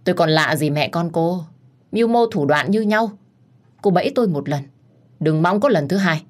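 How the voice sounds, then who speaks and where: A woman's voice: fairly low pitch, expressive, fairly quick, lightly acted. Woman reading a scornful angry husband. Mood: harsh. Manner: harsh, contemptuous.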